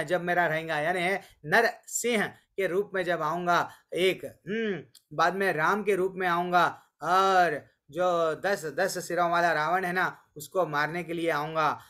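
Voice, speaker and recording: High-pitched man, bright voice, scripture teacher, storytelling, online class. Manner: storytelling, voices quotes of deities and sages; chants verses slowly. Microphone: online call.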